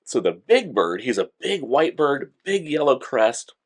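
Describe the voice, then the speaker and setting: A man spins childhood pet stories on a casual podcast, his pitch swinging widely as he acts out what people said. He breaks into laughter often and keeps the chat loose and playful. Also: very animated, unhurried. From California. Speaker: podcast co-host.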